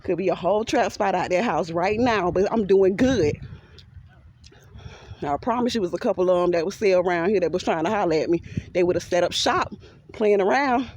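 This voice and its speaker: A woman's voice: fairly low pitch, a little fast, a little mellow, slightly rough, dry recording. A woman with a Southern US accent, venting animatedly to her followers in a walking vlog, laughing often and talking straight to the viewers. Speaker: vlogger. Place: outdoors walking by a pond.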